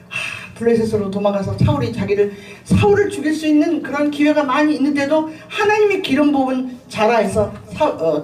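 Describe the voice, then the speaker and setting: A middle-aged woman pastor giving a sermon with personal testimony, telling her story in an animated way with frequent laughter and fillers. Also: fairly high pitch. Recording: echoey room, voice from a distance, faint ambient noise.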